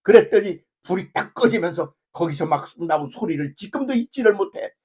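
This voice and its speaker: A man's voice: high voice, animated, brisk, darkish tone, husky. An older man preaching a folksy, rambling sermon as a pastor, full of rhetorical asides. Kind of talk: conversational sermon.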